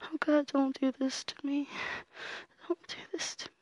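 A young woman voicing a sharp-tongued, mean young female student who swears freely and shifts between defiance and pleading in an audio roleplay. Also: high-pitched, slow pace, vocal fry, no echo, full character voice. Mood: tearful pleading. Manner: profane, alternating defiance and pleading. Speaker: voice actor.

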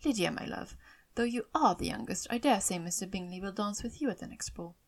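In an audiobook of a classic novel, a woman voices a fretful, self-pitying, excitable middle-aged mother. Her delivery is emphatic and complaining, with a gushing mood, at medium pitch and a little fast.

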